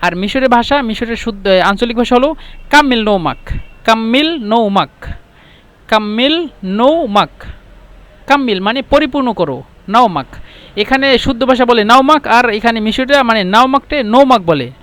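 A man teaching Arabic phrases in a spoken lesson. He repeats each phrase slowly and then explains it. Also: very high-pitched, expressive, a bit bright.

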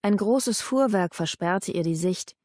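Female audiobook narrator, steady storytelling, mid pitch, dry close mic. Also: measured pace, dry recording.

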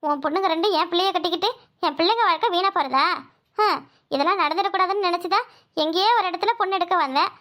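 A haughty, high-voiced cartoon matriarch, as a woman voices her, curt and superior. She talks fast and looks down on the poorer family. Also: pushed and bright. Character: proud, wealthy mother of the groom.

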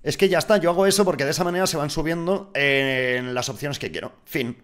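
A young man from giving casual, excitable gameplay commentary, swearing and swinging from mutters to shouts. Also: on the high side, fairly quick. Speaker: gaming YouTuber.

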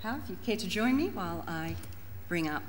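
A woman's voice: lowish voice, lively intonation, a little fast. Formal Australian woman presenting in an echoey hall. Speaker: panel presenter introducing and restating a colleague's talk. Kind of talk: public panel presentation. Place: large conference room. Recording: echoey hall with background noise.

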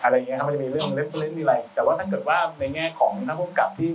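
A man with a fairly high voice speaks rapid-fire as a guest on a casual talk show, where he discusses his job as a film sound designer in loose, slangy, restart-filled chatter. The audio is dull, his voice is a little distant from the mic, and there's faint background noise.

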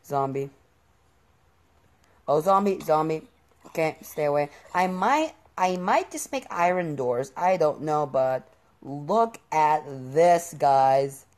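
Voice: mid-range voice, animated, slow pace, darkish tone. A gaming video host giving casual commentary while playing, often repeating words and phrases.

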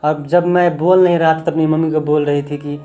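A man's voice: on the high side, flat delivery, fairly quick, dark tone, muffled recording. A young man vlogging heartfelt about his family, speaking plainly as a father. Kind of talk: emotional family vlog talk.

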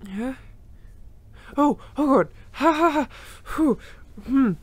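A woman voicing a gentle, emotional young male reborn spirit in an audio role-play, breathless and given to nervous sighs and laughs. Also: high-pitched, lively intonation, slow. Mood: breathless, grateful.

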